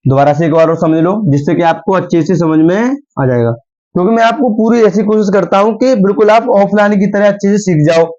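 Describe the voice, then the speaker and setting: High-voiced man teaching math, lo-fi. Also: quick pace, darkish tone. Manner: patient, repeats steps and asks the class questions. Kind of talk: classroom lesson at a board. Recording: dull lo-fi sound.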